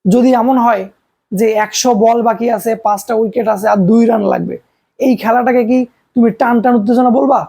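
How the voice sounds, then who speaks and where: A man's voice: very high voice, steady tone, a little fast, creaky, darkish tone, husky. A young man from Bangladesh giving a recorded physics lecture, explaining step by step with everyday examples and rhetorical questions. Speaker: physics teacher.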